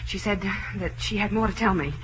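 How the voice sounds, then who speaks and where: A woman's voice: mid-range voice, a little fast, noisy background, close to an everyday voice. An actress playing an earnest, hesitant young woman in an old-time radio drama. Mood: awed, trusting. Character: earnest young woman feigning trust at a seance.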